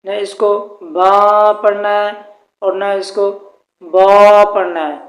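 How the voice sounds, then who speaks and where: A man teaching a tajweed pronunciation lesson, speaking slowly and formally and drawing out the letters he demonstrates. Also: high voice, little pitch movement. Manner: slow, formal address with drawn-out demonstrated letters. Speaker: Quran recitation teacher. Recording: echoey room.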